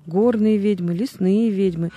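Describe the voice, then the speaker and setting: A woman's voice: mid-range voice, a little slow, dark tone. A woman narrating a storybook as an audiobook reader, reading expressively.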